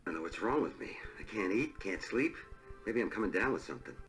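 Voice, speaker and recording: A brooding, lovesick male sabertooth tiger in an animated film. His voice sits lowish and bright, and it moves up and down a lot. He sounds gloomy and puzzled. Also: fairly quick, soft background music. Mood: troubled.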